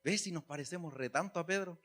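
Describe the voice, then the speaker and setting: Male pastor, high bright voice, folksy humorous sermon delivery. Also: fast. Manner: conversational preaching with humor, rising to emphatic calls.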